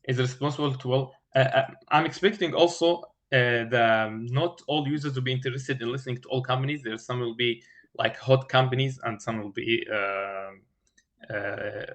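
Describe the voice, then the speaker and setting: Halting man thinking aloud through a design. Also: mid-range voice, a bit bright. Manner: halting, searching for words with many filled pauses and repeated starts. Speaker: engineering candidate in a mock system design interview.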